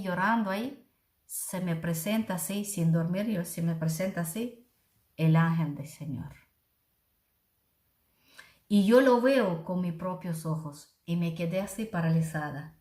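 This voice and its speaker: A woman's voice: mid-range voice, reverberant. Earnest middle-aged woman giving testimony. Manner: earnest, heartfelt, addresses listeners as brothers and sisters. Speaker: missionary preacher. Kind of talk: personal testimony to a congregation.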